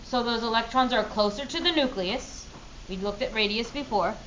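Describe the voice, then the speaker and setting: A woman's voice: on the high side, a bit bright, muffled recording, slight background noise. A middle-aged woman teaching a chemistry class, quizzing students in a playful, upbeat way. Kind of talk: classroom lecture.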